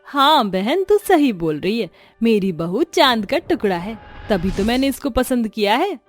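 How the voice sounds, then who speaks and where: A woman voicing a sharp-tongued middle-aged mother-in-law who scolds and mocks in an animated storybook. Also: a little high, soft background music. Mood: pleased. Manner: scolding, quick to anger.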